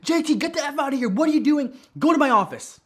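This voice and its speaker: A man doing a furious shouting boss. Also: very high voice, lively intonation, quick pace, voice pushed up. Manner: barking, furious. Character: angry shouting male boss.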